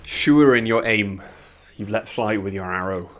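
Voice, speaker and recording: A man acting as game master, narrating and refereeing a tabletop game in a dramatic, measured way. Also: fairly low pitch, fairly bright tone.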